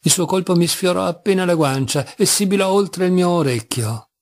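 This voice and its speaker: A man reading a classic novel aloud as an audiobook, measured and expressive, with dramatic pauses. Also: high-pitched. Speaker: audiobook reader. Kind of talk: literary audiobook narration.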